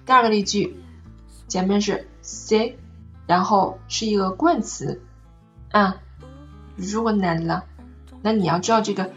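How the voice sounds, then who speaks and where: A woman's voice: mid-range voice, moderate pace, long pauses, dull audio, faint music behind. A woman teacher explaining French pronunciation and intonation in a patient, explanatory way, often asking "right?" to check in. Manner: patient, checks in with rhetorical questions. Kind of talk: online lesson on French intonation.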